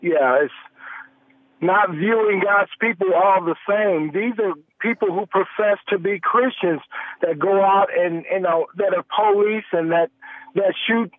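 Earnest high-voiced male caller on phone. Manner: earnest, halting, many restarts. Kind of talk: call-in radio talk. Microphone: telephone. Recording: tinny phone line.

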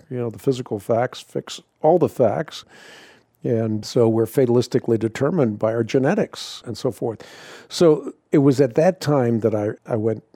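An older man from the Netherlands telling his life story in a measured, reflective way during an interview. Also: mid-range voice, dark tone, dry recording, clean studio sound. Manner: measured, reflective, some repeated starts.

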